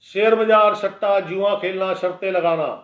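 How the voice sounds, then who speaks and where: A man's voice: sits high, steady tone, normal speed, a bit bright. Blunt astrologer man, echoey lo-fi. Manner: blunt, warning, conversational lecturing. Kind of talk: daily horoscope talk. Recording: echoey room, dull lo-fi sound.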